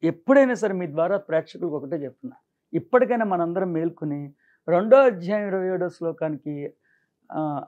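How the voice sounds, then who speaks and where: Man, high voice, teaching scripture, slow recited verses, rhetorical questions, dull lo-fi sound. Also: a little mellow. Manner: recites verses slowly, then explains with rising questions. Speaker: spiritual teacher, interview guest. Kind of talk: explaining scripture in an interview.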